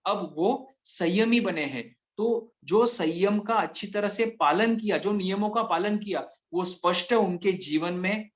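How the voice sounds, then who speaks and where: A man giving a Jain scripture discourse, explaining terms slowly and repeating key words. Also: high voice, fairly bright tone.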